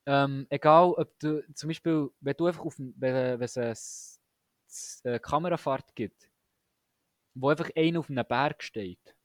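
A man's voice: mid-range voice, normal speed, no echo, clean studio sound. A young man co-hosting a casual podcast chat, talking eagerly with slang and many restarts. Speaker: podcast co-host.

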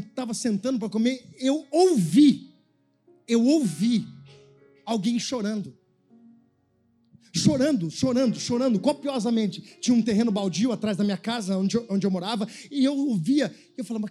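A man with a Brazilian Portuguese accent preaching a sermon as a pastor. He tells a story quietly, then breaks into a sung, shouting preaching cadence. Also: high voice, expressive, normal speed, faint music behind.

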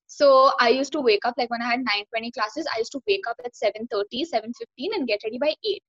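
A young woman, telling an animated story in casual chat and swearing freely. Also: on the high side, quick pace, no echo, highs cut off. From India. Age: young adult.

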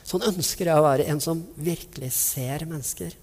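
A man with a somewhat high voice delivers a sermon, telling stories vividly and acting out the people in them. His voice rings with the long reverb of a large hall. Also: a little mellow, husky. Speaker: preacher.

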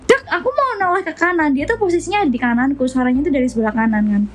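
A woman's voice: high voice, quick pace. A young woman, telling a story animatedly as co-host of a casual chat. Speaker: podcast co-host.

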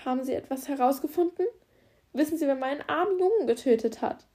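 A grieving middle-aged mother, tearful and pleading, her voice pitched high and strained, as a woman reads her in an audiobook. She sounds mellow in tone but loud and pushed. Her questions climb upward in distress. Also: brisk, gravelly. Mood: anguished.

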